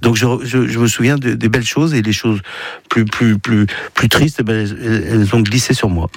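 A man in his sixties from the Paris region, a filmmaker telling his life story as a guest in a radio interview. He talks haltingly, often restarting and repeating words. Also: medium pitch, fairly even intonation, husky, no room sound. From Paris region, France.

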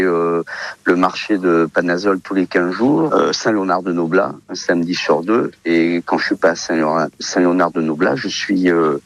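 Speaking in a low voice, this man from Portugal, in his fifties, sells olive oil and is being interviewed on the radio. He talks loosely, hesitating often and leaning on fillers, in a lo-fi recording with no room sound.

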